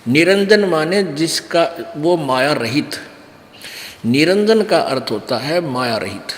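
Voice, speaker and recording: Man, slow sermon storytelling, slightly high voice. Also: lively intonation. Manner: slow, dramatic retelling with acted quotes. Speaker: spiritual preacher. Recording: long hall reverb.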